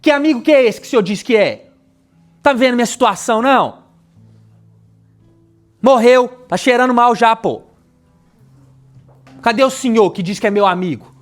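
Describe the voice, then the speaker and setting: A man with a Brazilian accent voicing an indignant woman who loudly scolds a friend for arriving too late. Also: very high-pitched, moderate pace, pauses often, faint music behind, pitched above the performer's own voice. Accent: Brazilian Portuguese. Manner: loud, exasperated, colloquial complaints.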